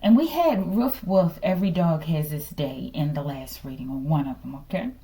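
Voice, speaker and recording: A woman's voice: low-pitched, normal speed, warm tone. A woman giving a casual tarot reading, speaking bluntly and dramatically and checking in with her listeners. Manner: emphatic, keeps checking in with listeners. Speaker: tarot reader.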